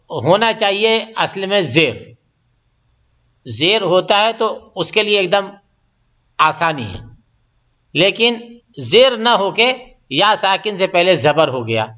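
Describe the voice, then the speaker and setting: A man teaching tajweed, explaining pronunciation step by step and repeating words slowly and drawn out, often checking that his students follow. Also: a little high, pushed and bright, highs cut off. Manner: keeps checking students understand. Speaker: Quran recitation teacher. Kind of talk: tajweed lesson.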